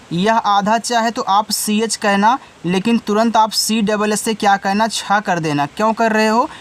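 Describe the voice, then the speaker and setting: A man teaching students in an online lesson, explaining patiently step by step and speaking straight to them. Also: high voice. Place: indoors with wind outside.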